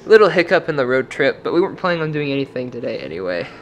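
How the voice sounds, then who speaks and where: Racing along with big swings in pitch, a young Washington state vlogger's mid-range voice carries a rambling, "like"-filled story. He holds the camera at arm's length in a dim motel room for a casual travel vlog with voice-over, and a little hiss or hum is audible.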